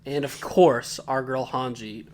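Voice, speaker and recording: A man's voice: mid-range voice, fairly even intonation, measured pace, darkish tone. A man co-hosting a podcast, recapping an episode from his notes in a casual, joking way and laughing often. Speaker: podcast co-host.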